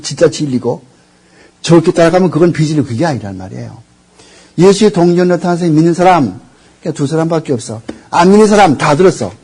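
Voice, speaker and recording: A man's voice: fairly high pitch, warm tone, breathy edge. An older man lecturing on theology, rambling, searching for words and quizzing the audience with questions. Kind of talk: classroom lecture.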